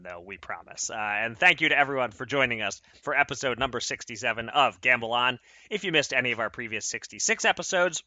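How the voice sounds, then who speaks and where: A man's voice: medium pitch, pushed and bright, no echo. A man hosting a podcast in a casual, conversational style. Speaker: podcast host.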